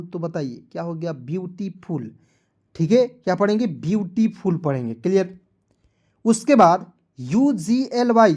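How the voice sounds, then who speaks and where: Spelling out English words one letter at a time, a teacher leads a lesson in Hindi and invites viewers to leave comments. He has a high, slightly mellow voice.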